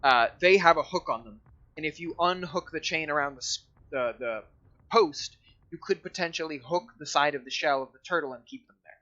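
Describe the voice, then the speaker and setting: Bright-voiced man running a game. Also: fairly high pitch, a little fast, dull audio. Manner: describes scenes with frequent self-corrections. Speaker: game master. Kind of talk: narrating a tabletop game.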